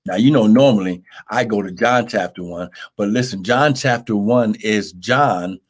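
Speaking at normal speed in a fairly low voice, a man preaches a fervent Bible sermon that is streamed live. He presses his points with emphatic exhortation and repeated phrasing, stretching out scripture passages to give them weight.

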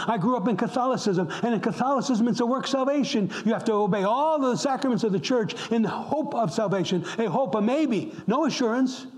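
Preaching with passion at his church, a middle-aged pastor from upstate New York speaks at an extremely high pitch. He drives points home by repeating words and at times lowers his voice to a whisper.

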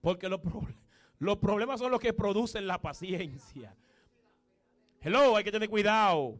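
A man's voice: high-pitched, normal speed. A male preacher gives an emphatic, repetitive sermon full of punchy exclamations.

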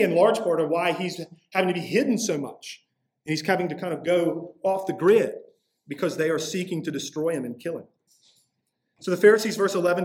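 A man preaching a sermon as pastor, earnest and emphatic. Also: high voice.

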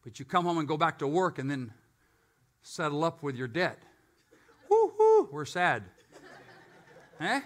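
A man preaching a live sermon to a congregation, swinging from loud and emphatic to quiet and low, with joking asides. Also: moderate pace. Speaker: pastor.

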